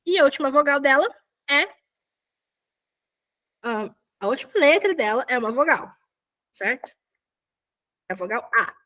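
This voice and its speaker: Young woman, high bright voice, casual video-call teacher who corrects herself and keeps checking in. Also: expressive, unhurried, pauses often. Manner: chatty, self-correcting, frequent checks with students. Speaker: volunteer Korean teacher. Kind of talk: casual online lesson.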